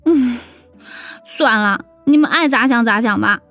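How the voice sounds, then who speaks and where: A woman's voice: on the high side, a little slow, a bit bright, faint music behind. Woman doing a flustered young male secretary. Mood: resigned. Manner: defensive and flustered.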